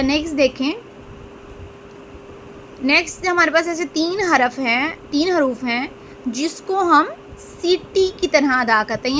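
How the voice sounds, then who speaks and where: A woman teaching Quran reading in a slow step-by-step lesson, drawing out each letter sound and answering her own questions. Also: sits high, fairly bright tone, a little hiss or hum. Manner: drills letters aloud, drawn out and stressed; asks questions then answers them herself.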